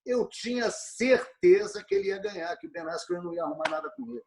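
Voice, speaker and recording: A man's voice: extremely high pitch, huge pitch swings, quick pace, vocal fry, background noise. A Brazilian man as an interview guest, talking animatedly, repeating words and often asking "entendeu?". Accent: Brazilian Portuguese. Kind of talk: casual interview chat.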